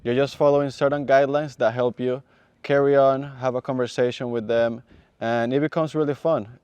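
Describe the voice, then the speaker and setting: A man from Venezuela, a seminarian calmly explaining in a measured, thoughtful way. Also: mid-range voice, smooth, no echo. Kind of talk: casual explanation.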